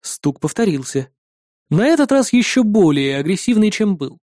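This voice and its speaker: A woman reads a first-person story with even, steady storytelling. Her tone is mellow and warm, recorded dry and close. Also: mid-range voice, moderate pace, no room sound. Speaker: audiobook reader. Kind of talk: first-person scripted narration.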